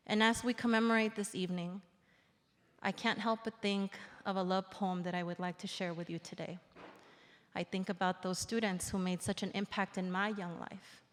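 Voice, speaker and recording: A woman's voice: mid-range voice, steady tone. A woman in her forties, originally from El Salvador, giving an earnest, reflective formal speech at a public event. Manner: earnest, reflective, slows for emphasis. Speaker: invited speaker. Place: large indoor theater. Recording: reverberant theater hall.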